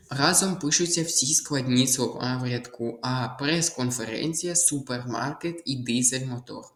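Male language tutor, mid pitch, methodical explainer, echoey room. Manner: methodical, repeats key answers. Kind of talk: exam walkthrough lesson.

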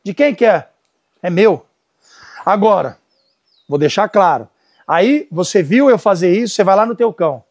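A man's voice: sits high, moderate pace, long pauses. A middle-aged Brazilian man, a dog trainer, telling stories and giving commands to dogs and helpers in a casual lesson. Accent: Brazilian Portuguese. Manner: animated storytelling, gives commands to dogs and helpers. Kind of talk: casual instructional talk.

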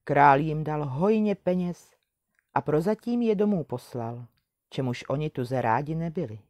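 A woman reading a classic fairy tale aloud in a calm, measured storytelling manner. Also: low-pitched, no room sound, clean studio sound.

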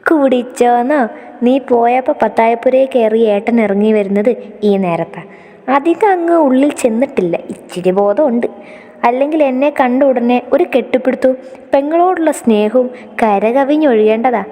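Woman putting on a flustered chatty girl, high pitched, stammery, warm with a big echo. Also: expressive, normal speed. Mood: gossipy. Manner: stammering, gossipy. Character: flustered, quick-witted young woman friend. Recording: long reverb.

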